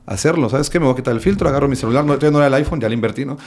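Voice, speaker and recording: A man with a Mexican accent, a comedian chatting casually, animated and profane. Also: mid-range voice, rapid-fire. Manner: animated, profane, acts out quotes. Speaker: guest comedian. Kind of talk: casual chat.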